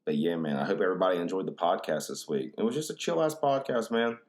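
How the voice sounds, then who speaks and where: A man's voice: low-pitched, animated, fast. A man hosting his podcast in a casual, rambling way, slangy and profane, a little tipsy from drinks. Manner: laid-back, slangy and profane, full of "dude" and "bro". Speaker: podcast host.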